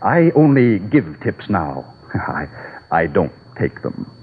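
An actor playing a breezy, smooth-talking gambler in a 1940s radio drama, heard over an old, tinny broadcast. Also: male voice, low-pitched, very animated, takes it slowly, full character voice.

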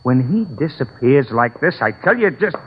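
An actor playing a brisk, commanding police lieutenant in a 1940s radio mystery, heard over a tinny old broadcast. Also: male voice, medium pitch, very animated, a little hiss or hum, lightly acted. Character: gruff middle-aged male police lieutenant.

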